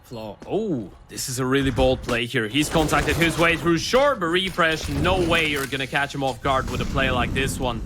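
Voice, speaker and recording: A man's voice: mid-range voice, moderate pace, few pauses, noisy background. A man casting a live esports match, calling and explaining the action in a conversational way. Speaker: esports caster. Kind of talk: live esports commentary with analysis. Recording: clear gunfire and clicks behind voice. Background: game gunfire and clicks.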